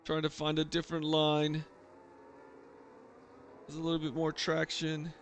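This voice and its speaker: A man's voice: on the high side, monotone, measured pace, a little hiss or hum. A man giving live, casual motorsport commentary as a race commentator for an online league.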